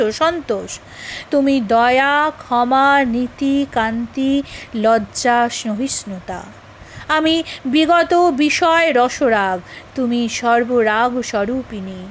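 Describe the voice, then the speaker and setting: A woman reading the part of a calm male ascetic mystic in slow, solemn recitation. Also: sits high, a little hiss or hum, low-quality recording.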